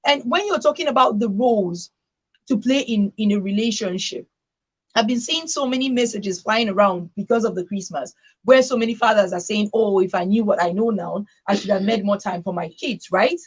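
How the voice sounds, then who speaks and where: In a low-quality recording, a female radio host with a mid-range voice and a breathy edge speaks at normal speed. She's emphatic in the discussion, reusing phrases for stress and asking "right?" to confirm her points land.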